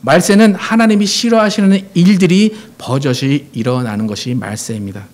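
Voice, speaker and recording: Middle-aged male pastor, earnest sermon delivery, mid-pitched, puts questions to the pews. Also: darkish tone. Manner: earnest preaching, asks the congregation questions; reads scripture aloud with emphasis.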